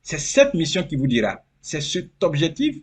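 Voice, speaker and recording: A man's voice: on the high side, huge pitch swings, moderate pace, husky. A man from Côte d'Ivoire, talking as a guest in a casual interview, earnest and repeating phrases for emphasis.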